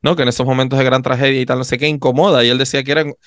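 Guy from chatting on a podcast, lots of "no?" tags, mid pitch, dry sound. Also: rapid-fire, smooth, dry recording. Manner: expressive, many fillers and tag questions. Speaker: podcast co-host. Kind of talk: casual podcast chat.

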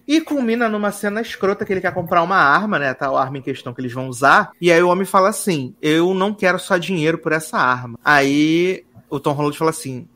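A man's voice: on the high side, bright, forceful tone. A man, co-hosting a podcast and animatedly retelling a TV series in a gossipy way, often tagging his sentences with a questioning "right?". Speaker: podcast co-host. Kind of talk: casual chat recapping a TV series.

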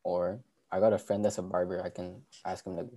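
A young man on a casual podcast with a very low, dark voice. He rambles along, stuffing his sentences with "like" as he chats with his co-hosts. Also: flat delivery, fast. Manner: rambling, heavy use of "like" fillers. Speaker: podcast co-host.

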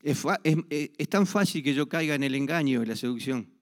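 A man's voice: on the high side, brisk. A middle-aged man preaching a sermon, telling personal stories and acting out the dialogue with frequent restarts.

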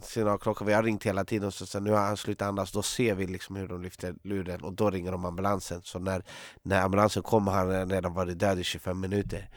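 Man, fairly low voice, guest, casual rambling storytelling, many fillers, dry sound. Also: flat delivery, dry recording. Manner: rambling, many fillers and restarts, retelling dialogue. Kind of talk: casual storytelling in a podcast conversation. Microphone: close studio mic.

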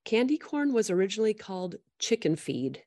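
A woman's voice: mid-range voice, very animated, brisk, dark tone. A woman hosting a podcast in casual chat, bubbly, laughing often and using many fillers. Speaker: podcast host.

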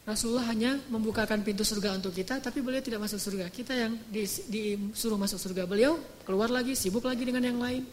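A woman with a fairly high voice delivers a heartfelt religious sermon in relaxed, everyday wording. She retells scenes vividly, repeating phrases for emphasis. A faint noise hums behind her. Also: quick pace, hardly any pauses. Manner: emotive, retells dialogue, casual phrasing. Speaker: preacher.

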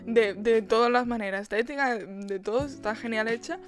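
A woman's voice: a little high, steady tone, moderate pace, faint music behind. A young woman hosting a podcast, chatting casually about a film with frequent laughs and restarts. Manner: chatty, laughs often, many restarts and quoted asides. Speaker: podcast host. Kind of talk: casual film review monologue.

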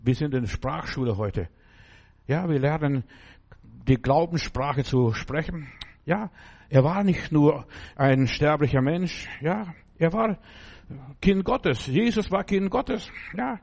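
Middle-aged male preacher, slightly high voice, emphatic exhortation with loud acted-out commands. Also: slow pace, creaky, dull audio. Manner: exhortative, addressing listener directly with frequent "Ja?"; acts out quoted commands loudly. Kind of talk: sermon.

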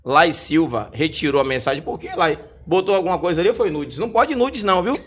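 A man's voice: fairly high pitch, lively intonation, brisk, slightly rough. A man hosting a live podcast, joking and teasing while reading out viewer comments in casual chat. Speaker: podcast host.

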